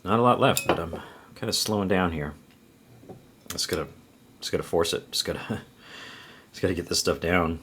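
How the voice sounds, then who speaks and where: A man's voice: low-pitched, normal speed, long pauses, fairly bright tone, a little hiss or hum. A man vlogging an eating challenge, talking while chewing with groans and sighs. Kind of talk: casual eating vlog.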